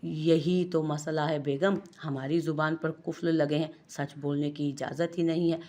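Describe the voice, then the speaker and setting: Woman voicing a teasing young husband, low voice, mock-innocent, Urdu accent. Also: steady tone, moderate pace, natural voice.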